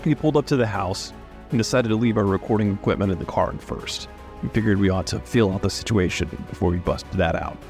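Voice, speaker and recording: A man from Alabama narrating a true-crime story in a measured, reflective way. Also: fairly low pitch, darkish tone. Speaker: podcast narrator.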